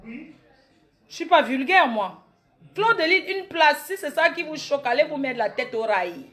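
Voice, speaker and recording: Brash mocking woman with a high voice. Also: lively intonation, measured pace, fairly bright tone. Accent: Cameroonian French. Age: 30s. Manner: brash, mocking, boastful taunts at critics. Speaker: comedic vlogger. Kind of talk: satirical comedy monologue.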